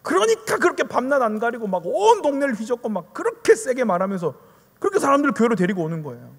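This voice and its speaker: A male pastor preaching to young adults, telling a story and throwing out rhetorical questions. His voice sits high and swings widely in pitch, and he talks fast. The sound rings in a reverberant hall. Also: sing-song. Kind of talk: youth sermon with storytelling.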